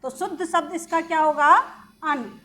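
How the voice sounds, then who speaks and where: A woman's voice: high voice, moderate pace, sharp tone. A woman teaching Hindi spelling in an online lesson to children, patiently repeating words and quizzing the class.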